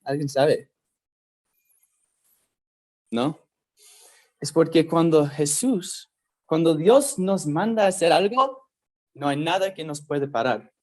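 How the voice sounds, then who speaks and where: Guy teaching a bible lesson, kinda high voice, takes his time, keeps asking the kids if they follow. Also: lively intonation, darkish tone. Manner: slow, conversational, checks in with listeners often.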